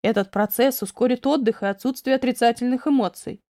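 A woman voicing a calm, reassuring middle-aged male doctor who talks gently and steadily. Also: on the high side, brisk, no room sound, studio quality, lightly acted. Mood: soothing.

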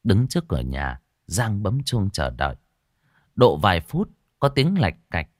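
A man with a low voice narrates a horror story dramatically. His pitch rises and falls widely as he tells it. The recording is close and dry. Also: measured pace, dry recording. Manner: dramatic, expressive.

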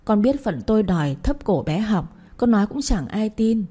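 A woman's voice: medium pitch, very animated, moderate pace, dark tone, breathy edge, voice pushed up. A woman reading a whining young maidservant. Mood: pleading. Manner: pleading, tearful.

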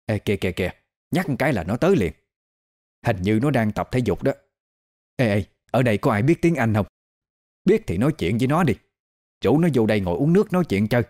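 A man's voice: medium pitch, sing-song, fast talker, long pauses, darkish tone. A man voicing a nosy, bossy older woman who scolds and lectures. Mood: bossy chatty. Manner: scolding, chatty.

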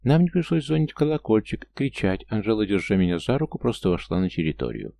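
A man's voice: lowish voice, sing-song, fast talker, vocal fry, warm tone. A man narrating a first-person story in a dry, wry manner. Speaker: audiobook narrator.

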